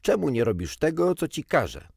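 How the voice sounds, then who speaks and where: A man voicing an exhausted, irritable bird that speaks slowly, loudly and over-clearly. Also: medium pitch, animated, no room sound, clean studio sound. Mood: angry. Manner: slow, loud, overly clear.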